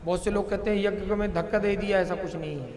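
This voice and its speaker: A man's voice: high-pitched, steady tone, fast talker, a crowd in the background. A man preaching a devotional story, narrating expressively and chanting Sanskrit verses. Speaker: katha preacher. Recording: long hall reverb with music.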